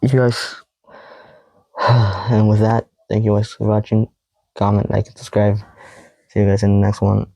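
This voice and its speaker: A young man vlogging casually to camera, reading out old text messages in a rambling, halting way with heavy sighs. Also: on the low side, gravelly, dry recording, poor audio. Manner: quoting text messages in a flat tone.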